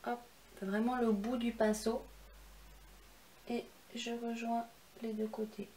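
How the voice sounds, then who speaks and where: A young woman hosts a casual makeup tutorial, explaining each step as she goes. Her voice sits slightly high, and she talks in a chatty, instructive way with self-deprecating asides. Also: level tone, slow, a little mellow, slight background noise. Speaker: beauty vlogger.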